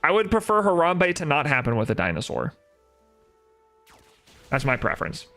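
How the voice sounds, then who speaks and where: A man's voice: on the high side, big pitch swings, moderate pace, a bit bright, faint music behind. A young man, chatting casually on a live stream, opinionated and answering his chat with rhetorical questions. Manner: opinionated, talks back to chat with rhetorical "right?".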